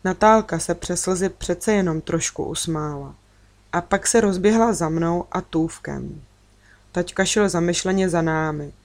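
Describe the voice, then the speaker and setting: A woman narrating a children's story gently, lifting her voice for the children's lines. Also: fairly low pitch. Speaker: audiobook reader.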